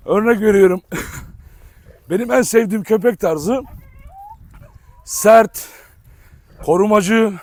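A man filming a casual vlog outdoors in a yard, talking fondly to his dogs and explaining to viewers, with sharp commands now and then. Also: high voice, slight background noise. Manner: affectionate baby talk to dogs, sharp commands. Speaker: dog breeder vlogger. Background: dogs barking.

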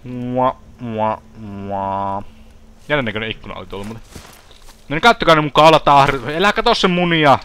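A man's voice: on the high side, big pitch swings, fairly bright tone, slight background noise. A man commenting on his own gameplay in a let's play, swearing and joking, often parroting the game's lines. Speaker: gaming streamer.

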